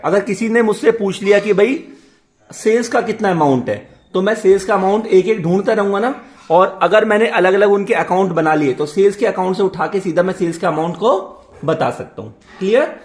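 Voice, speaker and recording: A man teaching a commerce class to students. He asks the class questions and answers them himself. He reads English definitions slowly, then explains them in Hindi. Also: high-pitched.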